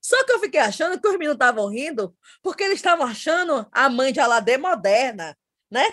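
A woman guest on a podcast, telling a funny story in an animated way and laughing as she talks. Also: high-pitched, brisk. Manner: animated comic storytelling, often says "my daughter". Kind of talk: casual podcast chat.

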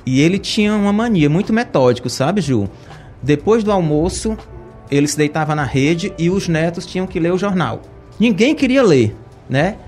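A man with a notably high voice tells stories as a podcast guest. He talks in a chatty, anecdotal way, often checking in with the listener. Faint music plays underneath. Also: lively intonation, normal speed, a little mellow. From Ceará, Brazil. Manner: chatty, anecdotal, frequent tag questions. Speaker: guest, journalist. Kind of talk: conversational storytelling.

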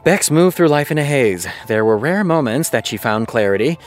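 A man acts in a fiction podcast as a sarcastic, exasperated TV creator reading fan fiction aloud, muttering sardonic comments between the read passages. His medium-pitched voice is natural and expressive at a moderate pace, over soft background music.

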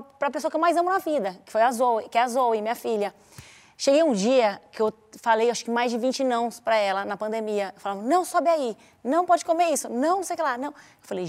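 A woman co-hosting a casual panel chat, animated, acting out how she talks to her daughter. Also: a little high. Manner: animated, acts out scolding her child. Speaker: talk show co-host.

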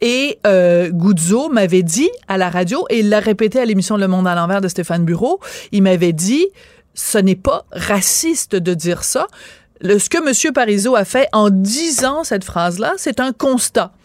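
A woman's voice: mid-range voice, expressive, moderate pace, darkish tone, dry recording, clean studio sound. A woman with a Quebec French accent giving a radio column, explaining things in careful, detailed storytelling. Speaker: radio columnist and show host. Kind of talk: radio commentary.

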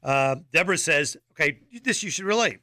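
Bright-voiced teasing male radio host. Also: fairly high pitch, animated, a little fast, no echo, studio quality. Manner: teasing, argumentative, reads listener comments. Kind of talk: casual banter.

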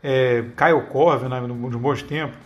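A man's voice: mid-range voice, steady tone, moderate pace, echoey room, lo-fi sound. A man co-hosting a casual basketball chat, hesitant and full of restarts but enthusiastic. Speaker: co-host commentator. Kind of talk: casual sports commentary chat.

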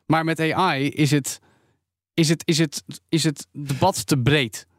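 A man's voice: on the high side, steady tone, no room sound, clean studio sound. A man hosting a podcast debate who sums up points and steers the talk. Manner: brisk, steers the discussion.

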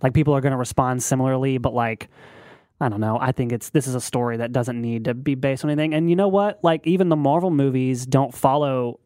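A man co-hosting a movie podcast, talking in a relaxed, easygoing way about film news. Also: medium pitch, fast talker, dry recording, studio quality. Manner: relaxed, easygoing, trails off with "I don't know". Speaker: podcast co-host. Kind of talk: casual chat.

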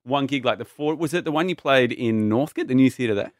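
A man hosting a radio interview, brisk, enthusiastic and casual. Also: medium pitch, no room sound, studio quality. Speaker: radio host.

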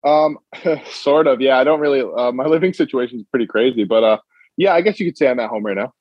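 A man's voice: medium pitch, quick pace, no echo. A man in his twenties from Massachusetts talks casually as a band guest over an old flip phone line, stumbling and restarting his words often. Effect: talking over an old flip phone line. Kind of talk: casual interview chat. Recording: muffled lo-fi flip phone call.

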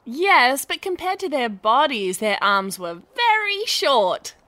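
A woman's voice: high voice, very animated, slow pace, sharp tone, no echo, heavily acted. A woman voicing a friendly, curious young kid in a children's educational show, earnest and playful.

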